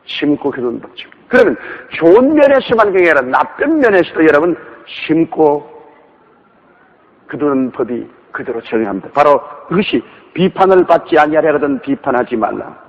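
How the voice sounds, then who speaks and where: A man's voice: fairly high pitch, sing-song, normal speed. A male pastor preaching a sermon emphatically, with many rhetorical questions, in a dull, reverberant recording.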